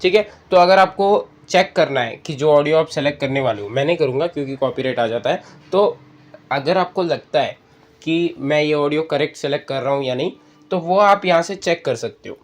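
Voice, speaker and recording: Here the same kind of host, a man whose voice sits on the high side, sounds expressive and brisk. He's giving a spoken screen-reader app tutorial, breaking it into steps and speaking to viewers like friends.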